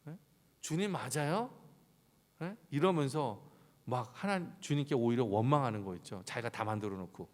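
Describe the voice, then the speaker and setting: A man pastor preaching a sermon in a church, acting out dialogue and rising to loud emphasis. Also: mid-range voice, a little fast. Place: church sanctuary. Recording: long hall reverb.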